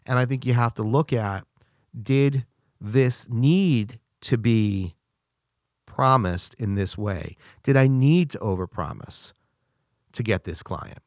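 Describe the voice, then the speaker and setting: A man talks casually through advice for working with clients, his voice sitting at an everyday middle pitch. The recording is dry and close, with no room sound around him. He often lifts his voice to act out what clients and colleagues might say. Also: slow, darkish tone, dry recording. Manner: conversational, acts out quoted dialogue with rising pitch. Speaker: business speaker. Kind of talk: casual monologue on business advice.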